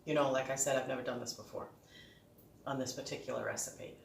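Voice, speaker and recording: A woman's voice: rumbling low, fairly even intonation, fast, vocal fry. Chatty Boston woman, echoey and distant. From Boston, United States. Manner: chatty, informal, rambling. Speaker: home cook and video host. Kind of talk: casual cooking vlog chat. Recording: echoey room, distant microphone.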